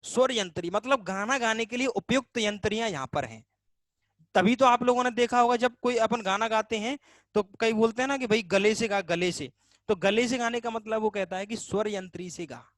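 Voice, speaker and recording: Man, teacher, high-pitched, dry close sound, online class, casual, quizzes students and repeats terms. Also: a little fast, a bit bright, no echo. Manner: asks the class questions and answers them himself; repeats key terms to drill them. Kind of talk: online Hindi grammar class.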